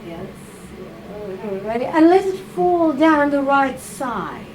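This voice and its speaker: She's a writers' salon reader guiding volunteers through a live reading, her fairly high voice slow and deliberate yet very animated. Playful and quick to laugh, she coaxes and teases them, captured in a noisy recording with the room's ambience underneath.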